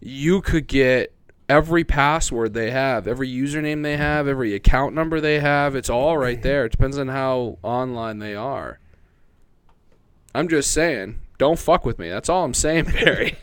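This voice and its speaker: A man co-hosting a casual chat over a remote call, blunt, opinionated and quick to swear. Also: mid-range voice, smooth, dry recording. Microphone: remote call with a mute button.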